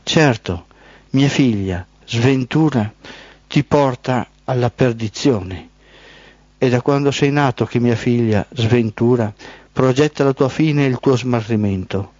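Man doing ancient night goddess, oracular and solemn, dull dry recording, even pitch, spoken storytelling. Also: slow pace, no room sound. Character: ancient night goddess, mother of misfortune, ominous.

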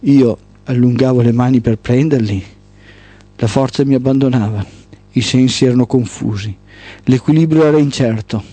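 A man's voice: medium pitch, moderate pace, warm tone, husky, dry recording, faint music behind. A man narrating a dramatic mythic story in the first person, with solemn, rhythmic, repetitive phrasing.

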